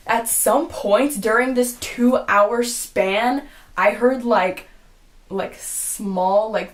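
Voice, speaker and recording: A young woman with a fairly high voice tells a personal story in a loose, rambling way. She fills her sentences with "like" and swears freely. When she quotes what she said to herself, she drops into a quieter, hushed voice. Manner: rambling, heavy use of "like", frequent swearing; quoting her own past reactions in a hushed voice. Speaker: vlogger. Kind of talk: casual storytime.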